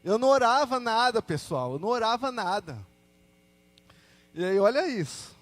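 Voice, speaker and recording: A young Brazilian man with a notably high, sing-song voice gives his personal faith testimony to a congregation. His Brazilian Portuguese is casual and slang-heavy, punctuated by quick quoted asides, and the recording is dry.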